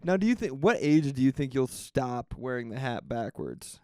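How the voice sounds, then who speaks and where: A man's voice: mid-range voice, animated, normal speed, dark tone, clean tone, no echo, clean studio sound. Laid-back swearing man saying dude. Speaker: comedy podcast co-host. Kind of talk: casual comedic banter. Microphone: studio microphone.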